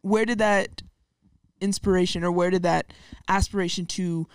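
A woman's voice: lowish voice, steady tone, normal speed, clear, resonant tone, dry recording. A young woman interviewing a friend in a curious, informal, chatty way. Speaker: podcast interviewer. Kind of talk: casual chat interview.

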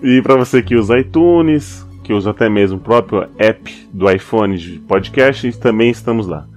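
A man's voice: lowish voice, animated, moderate pace, darkish tone. A man with a Brazilian Portuguese accent hosting a podcast, speaking playfully and directly to the listener. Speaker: podcast host. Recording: music behind the voice.

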